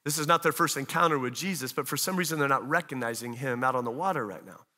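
A man's voice: medium pitch, quick pace, pushed and bright. A man preaching a sermon in a conversational way, acting out the voices of people in the story he retells. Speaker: pastor. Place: church auditorium. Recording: long church hall reverb.

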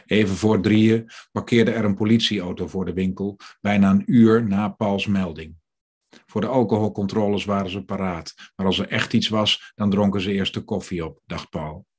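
A man reading aloud from his novel in a measured, steady way. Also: lowish voice, slightly rough. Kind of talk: literary reading.

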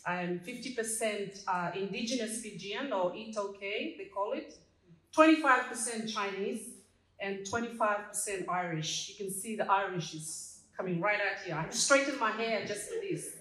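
Reading humorous notes at a stand microphone, a Fijian community association president in her fifties delivers a personal speech and laughs at her own jokes. She speaks at normal speed in a somewhat bright, mid-range voice. The small dark hall gives a roomy sound, with the camera placed at a distance.

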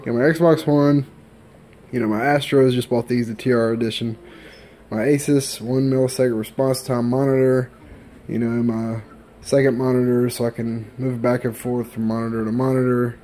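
A man's voice: mid-range voice, steady tone, normal speed, mellow, slight background noise. A man in his thirties, slightly under the weather, chatting casually and repetitively as a gaming YouTuber in his bedroom. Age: 30s. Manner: laid-back, chatty, repeats himself. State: slightly sick. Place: bedroom gaming setup, indoors. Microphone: desktop USB mic.

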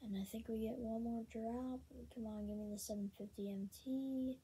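A woman casually talking through a video game, with many ums and excited bursts over card pulls. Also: a little high, moderate pace, husky. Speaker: gaming channel host. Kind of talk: casual gameplay commentary.

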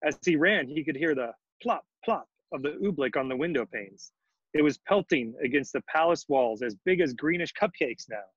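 A man co-host reading a children's story aloud over a video call, with a lively, animated delivery. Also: a little high, normal speed, slightly rough, no room sound. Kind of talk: storybook narration. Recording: dull lo-fi video call audio.

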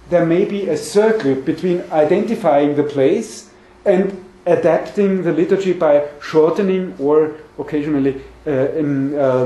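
Halting male lecturer in an echoey room. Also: on the high side, dark tone. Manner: hesitant, halting, repeats words while searching for phrasing. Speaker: academic lecturer. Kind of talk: scholarly lecture to a small seminar. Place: meeting room with conference table, indoors. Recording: echoey room, mic at a distance.

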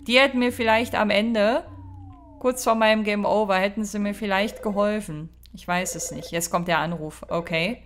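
A woman's voice: mid-range voice, fairly even intonation, normal speed. A woman hosting a let's play, chatting casually and reacting to the game with mock exasperation. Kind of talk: casual gameplay commentary.

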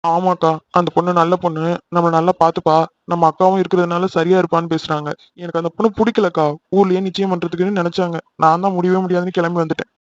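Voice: medium pitch, flat delivery, fast talker, no room sound, muffled recording, natural voice. A performer voicing a whiny, pleading young man who is the younger brother in a family cartoon. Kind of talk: cartoon voice acting.

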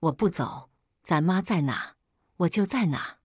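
Woman reading as a pouty stubborn sister-in-law, lowish voice, dry sound. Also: expressive, measured pace, darkish tone, slightly rough, no room sound. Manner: pouting, stubborn. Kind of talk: storytelling.

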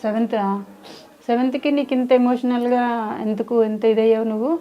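Gently probing woman host. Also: a little high, little pitch movement, moderate pace, lo-fi sound. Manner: coaxing, gently questioning a child. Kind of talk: casual interview.

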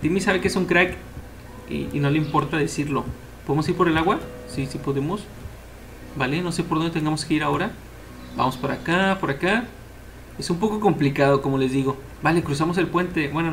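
A young man giving casual, excitable let's-play commentary as he plays, cheering on the characters. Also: fairly high pitch, creaky, a little hiss or hum. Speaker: gameplay commentator.

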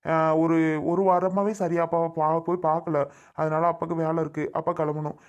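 A man's voice: on the high side, level tone, lo-fi sound, natural voice. A man playing a stern, impatient father who lectures and threatens his small daughter. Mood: lecturing. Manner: lectures and threatens in fast, irritated talk.

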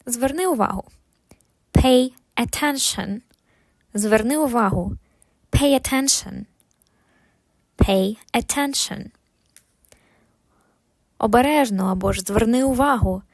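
A woman teaching English phrases, saying each one slowly and clearly, then repeating it with expressive intonation. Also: on the high side, no echo. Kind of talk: slow phrase drills with Ukrainian translations.

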